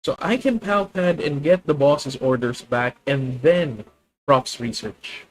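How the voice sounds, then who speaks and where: A man's voice: medium pitch, slow, poor audio. A man with a Filipino accent thinking aloud as he plays a card game on stream, chatting with viewers. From Philippines. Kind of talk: live card game commentary.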